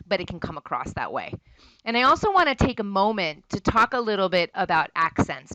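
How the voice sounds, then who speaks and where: A woman's voice: medium pitch, bright, forceful tone, dry recording, poor audio. Woman instructor lecturing in a dry room. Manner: conversational and explanatory. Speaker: college instructor. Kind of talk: recorded lecture.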